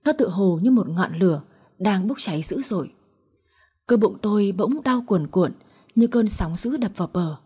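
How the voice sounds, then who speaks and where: A woman reading a first-person story aloud in a slow, emotional manner. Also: mid-range voice, animated, mellow, breathy edge.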